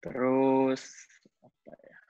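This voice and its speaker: Speaking slowly and in a monotone, this athlete in his twenties shares a casual personal story at a coaching clinic, full of hesitations, fillers, and restarts. His medium-pitched voice is smooth. The audio is dull but echo-free.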